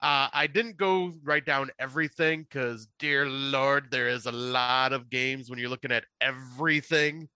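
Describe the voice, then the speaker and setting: A man's voice: medium pitch, steady tone, measured pace, hardly any pauses, sharp tone, clear, resonant tone, no room sound. A man co-hosting a casual podcast from Canada, chatting his way through a list of upcoming game releases. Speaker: podcast co-host.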